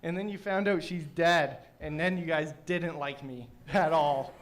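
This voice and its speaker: Young male stand-up, high-ish voice, thick mushy diction, brash and crude crowd work. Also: fairly even intonation, measured pace. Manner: brash, profane, teasing the crowd. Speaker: stand-up comedian; teacher. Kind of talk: open mic stand-up. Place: small comedy studio stage.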